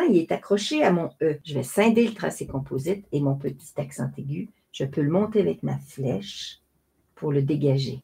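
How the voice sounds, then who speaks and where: A woman, explaining a design software tutorial step by step in a chatty way. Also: low voice, vocal fry, husky. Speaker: craft software tutorial host. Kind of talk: screen-recorded tutorial narration.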